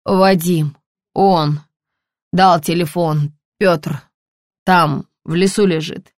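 Brief: female reader as a delirious injured laborer, halting fragments, close dry mic. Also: fairly low pitch, fairly even intonation, no room sound. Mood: urgent gasping. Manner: halting broken phrases, barely audible. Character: injured exhausted working man, delirious. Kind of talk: audiobook character voicing.

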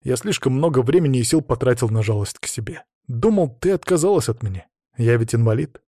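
A man's voice: mid-range voice, expressive, fairly quick, warm tone, dry recording. A man reading the part of a remorseful, tender father in an audiobook, close to his own voice. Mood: rueful.

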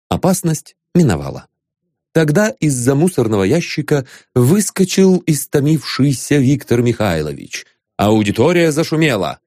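A male audiobook reader narrates a satirical novel in an expressive storytelling manner. His pitch moves a great deal, and his voice sits at a middling pitch. The recording is dry and close. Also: dry recording. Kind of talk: satirical novel read aloud.

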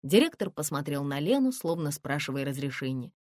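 A woman narrating an audiobook in measured storytelling. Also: deep voice, sing-song, darkish tone, no echo, clean studio sound. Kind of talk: scripted narration.

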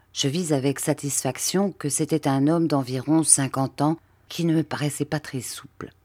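Low-voiced woman reading an audiobook. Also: a little mellow, no echo. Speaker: audiobook reader. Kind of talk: audiobook narration.

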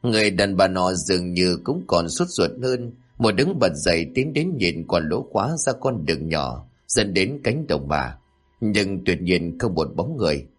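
Deep husky male horror storyteller. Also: very animated, unhurried. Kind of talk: scripted horror story narration.

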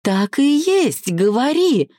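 A woman voicing an excited nosy girlfriend, husky. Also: lowish voice, normal speed, no echo, studio quality, voice pushed up. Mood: teasing. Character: lively excited young woman friend, nosy.

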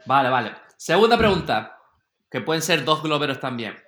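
A man's voice: a little high, very animated, moderate pace, fairly bright tone. A man co-hosting a casual podcast, firing off upbeat quiz-style questions. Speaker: co-host.

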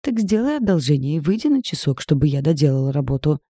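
A man's voice: fairly high pitch, sing-song, fast, mellow, dry recording, clean studio sound. A man putting on a fiery, scolding young woman. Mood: angry scolding. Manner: scolding, sarcastic, raised voice. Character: fiery, sharp-tongued young village woman. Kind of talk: audiobook character reading.

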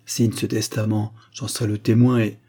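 A man's voice: lowish voice, flat delivery, moderate pace, warm tone. A man voicing a sly, scheming lawyer with a sneering manner. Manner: smooth then sneering.

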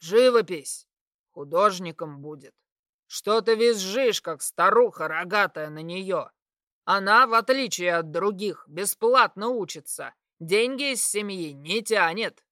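A gruff middle-aged father in an audiobook, blunt and grumbling as he scolds, voiced by a woman reading. The tone is bright and forward. The sound is dry and close, with no room at all. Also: medium pitch, a little slow, no room sound. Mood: stern.

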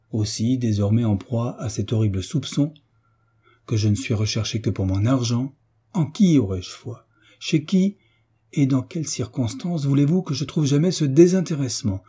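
A man's voice: medium pitch, mellow, breathy edge, lightly acted. A man reading the part of a young orphaned heiress who pleads earnestly in a storybook reading. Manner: earnest, imploring.

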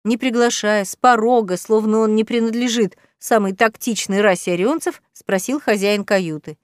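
A woman's voice: medium pitch, steady tone, normal speed, smooth, no room sound, clean studio sound. Woman narrating a light audiobook.

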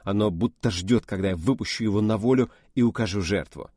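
A man narrating an audiobook in first person with expressive storytelling. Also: on the low side, brisk, no echo, clean studio sound.

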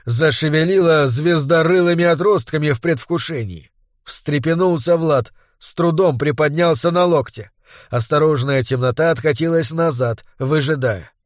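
A man narrating an audiobook in a measured, dramatic reading. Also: fairly high pitch, no echo, studio quality. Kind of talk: scripted narration.

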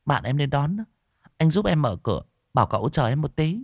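A man voicing a young woman student, frightened and tearful, speaking in high, breathless, stammering pleas. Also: sing-song, fairly quick, creaky, dry recording, studio quality, full character voice. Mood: flustered.

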